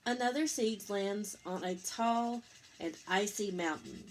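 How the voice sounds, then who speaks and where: A woman reading a picture book aloud to young children in an expressive, explanatory teacher's manner. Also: medium pitch, a little hiss or hum, rough recording. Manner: expressive, pausing to explain and pose simple questions. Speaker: storytime reader, teacher.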